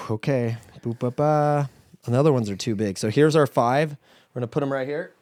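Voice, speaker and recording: A young man co-hosting a comedy podcast, excitable and profane, often laughing and shouting. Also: mid-range voice, normal speed, no echo, clean studio sound. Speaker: podcast co-host. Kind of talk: casual comedic chat.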